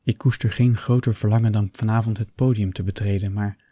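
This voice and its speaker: A man's voice: on the low side, fairly even intonation, fairly quick, mellow, no room sound, close to an everyday voice. A man voicing a timid young male dancer who speaks deferentially and hesitantly.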